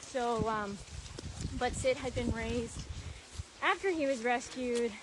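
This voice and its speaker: A woman chatting casually as she guides a walking tour outdoors, telling stories in an animated way and acting out reactions. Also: fairly high pitch, slow. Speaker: sanctuary founder and tour guide. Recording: noisy outdoor recording, clicks and footsteps.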